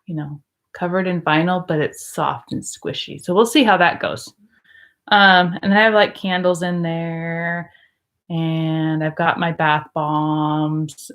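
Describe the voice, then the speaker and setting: Woman English teacher, casual vlog chat, slightly low voice, loose and rambling with filler words. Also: a bit bright. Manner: chatty, rambling, frequent ums and likes.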